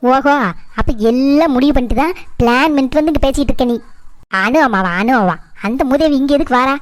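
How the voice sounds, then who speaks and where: A high-voiced, manipulative mother-in-law, as a woman plays her in a cartoon. She swings between wailing pleas and bitter scorn, with a twang. The recording is close and dry. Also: fast talker, dry recording, close to an everyday voice. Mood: scornful. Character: scheming middle-aged village mother-in-law, manipulative.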